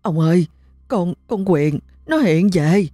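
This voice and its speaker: A woman's voice: fairly low pitch, animated, slow pace, warm tone, dry recording. A woman voicing a terrified older wife in a ghost story who wails and pleads in panic. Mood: panicked. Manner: panicked, wailing.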